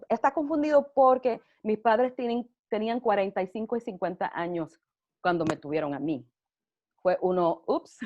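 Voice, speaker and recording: A woman's voice: mid-range voice, a little mellow. A middle-aged Puerto Rican woman with a Puerto Rican accent, chatting casually about her life and laughing often. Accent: Puerto Rican Spanish. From Puerto Rico. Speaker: interviewee. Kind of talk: casual personal storytelling. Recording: dull lo-fi audio.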